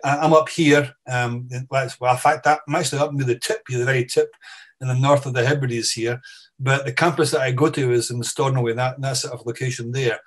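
A man's voice: medium pitch, steady tone, brisk. A man with a Scottish accent, a professor giving an online seminar talk over a video call, thinking aloud with frequent restarts and repeated words. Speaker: guest speaker, professor.

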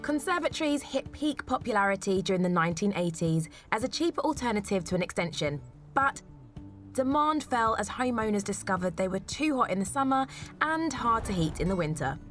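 A woman with a British accent reading scripted voice-over tips for a home renovation show in a clear, informative way. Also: mid-range voice, big pitch swings, brisk, fairly bright tone, soft background music. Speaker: property show co-host.

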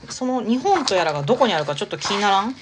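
A woman's voice: medium pitch, big pitch swings, rapid-fire, loud music behind the voice. A young woman hosting a casual live stream, chatting with viewers and reading their comments aloud. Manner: chatty, reads viewer comments aloud, exclaims and laughs often.

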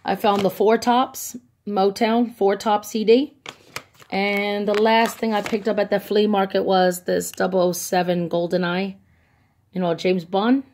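Though her delivery is flat and her mid-range voice darkish and measured, this vlogger is chatty and gushing as she shows bargain finds with many ums. She records the casual haul on a phone she holds off camera, with a little hiss or hum.

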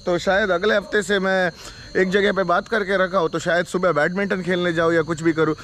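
This casual daily vlog features a man in his forties laughing and chatting to a handheld action camera, dropping in English phrases, indoors at home and later outdoors at night. His high-pitched voice stays fairly flat in pitch, a bit bright, and moves along fairly quickly. A little hiss or hum can be heard.

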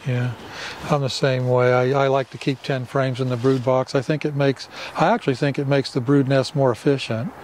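A man's voice: mid-range voice, flat delivery, normal speed, hardly any pauses, a little mellow, slight background noise. An older man interviewing a fellow beekeeper outdoors, asking curious questions with brief agreements. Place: outdoors in an apiary.

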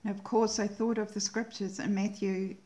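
A woman hosting her own channel, sharing a devotional message in an earnest, reverent way and slowing down to dwell on key words. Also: mid-range voice, flat delivery, warm tone. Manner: earnest and reverent, slows down to savor quoted words.

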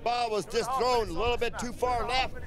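A man's voice: very high-pitched, normal speed. A man giving live play-by-play American football commentary in an emphatic way, repeating his phrases. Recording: outdoor field with loud crowd behind. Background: crowd and outdoor field noise.

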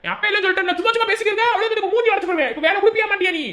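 A woman's voice: very high voice, rapid-fire, sharp tone. Woman doing a pushy young Madurai guy. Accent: Madurai Tamil. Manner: pushy, bantering. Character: pushy young man begging for a job.

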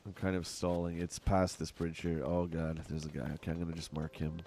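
Speaking a little fast in a low, flat voice, this middle-aged Canadian streamer chats loosely with his audience as he plays a game at home. He wanders from topic to topic and replies to what chat says.

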